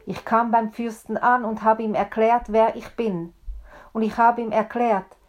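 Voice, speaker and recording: A woman's voice: on the high side, level tone, a little slow, darkish tone, muffled recording, natural voice. A woman voicing the rabbi's young son, telling urgently how he rescued everyone. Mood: relieved. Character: young man, the rabbi's son, relieved messenger.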